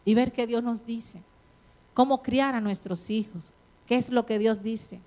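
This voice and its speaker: A woman in middle age delivers a sermon in a high-pitched voice. She urges her listeners on and asks them questions directly. Every so often she acts out the quoted words of other people. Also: unhurried, warm tone. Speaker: preacher.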